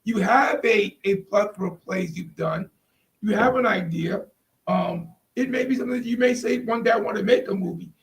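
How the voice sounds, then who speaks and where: A man with a high-sitting voice and some vocal fry talks at a normal speed as host of a podcast panel, driving his points home by repeating phrases in casual discussion. The recording sounds roomy, as if he's far from the mic.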